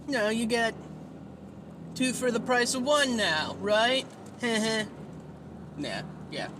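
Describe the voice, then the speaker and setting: A man hosts a casual solo podcast, rambling and running himself down while swearing freely. His very high-pitched voice is whiny, nasal, and animated, delivered at a slow pace. Background noise is audible.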